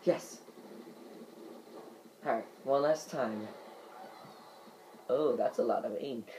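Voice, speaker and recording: A man's voice: mid-range voice, takes it slowly, darkish tone, a little hiss or hum, poor audio. A man giving let's play commentary, muttering to himself while he plays. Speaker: gamer.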